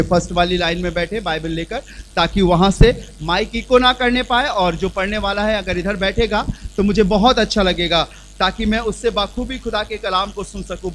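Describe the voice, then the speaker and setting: A man pastor teaching the Bible loudly in a church hall, calling out questions for the congregation to answer. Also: high-pitched, slight background noise. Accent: Hindi. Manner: loud call-and-response preaching. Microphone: handheld mic.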